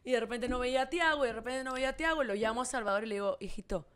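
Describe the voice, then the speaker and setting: A woman's voice: on the high side, racing. A woman co-hosting a casual panel chat, animatedly telling a story and acting out the quotes. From Peru. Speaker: co-host.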